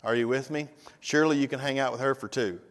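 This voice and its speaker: Fifty-something pastor preaching in reverberant hall. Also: male voice, mid-range voice, fast. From Tennessee. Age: 50s. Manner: conversational preaching, direct asides to the congregation. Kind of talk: sermon. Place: church sanctuary. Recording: long reverb of a church hall.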